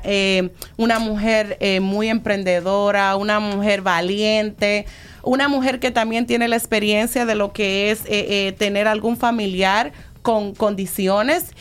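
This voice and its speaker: A woman's voice: medium pitch, clear, resonant tone. A woman hosting a panel, introducing guests with many hesitant fillers. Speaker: host.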